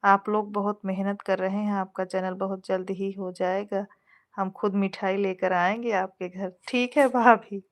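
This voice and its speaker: A woman's voice: medium pitch, flat delivery, a little slow. A woman with an Awadhi accent, a folk singer hosting a live stream, chatting casually and affectionately with viewers, greeting and thanking them by name. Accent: Awadhi Hindi.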